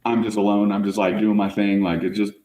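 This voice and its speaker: Slangy, low-voiced man telling a story. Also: fairly quick, a little hiss or hum. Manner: animated, slangy, says "like" and "bro" often. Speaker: guest, fire service chief officer. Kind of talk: casual storytelling in podcast interview. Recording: roomy echo.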